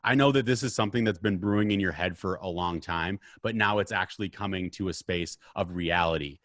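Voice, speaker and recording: A man's voice: low voice, brisk, fairly bright tone, no room sound, clean studio sound. A man hosting a casual conversation podcast, asking friendly, long and rambling questions. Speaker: podcast host, interviewer. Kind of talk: casual interview chat.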